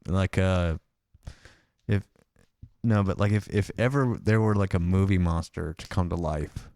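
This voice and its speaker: A man's voice: deep voice, measured pace, darkish tone, no echo, studio quality. A young man co-hosting a podcast in casual chat, hesitant with lots of fillers and restarts. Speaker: podcast co-host.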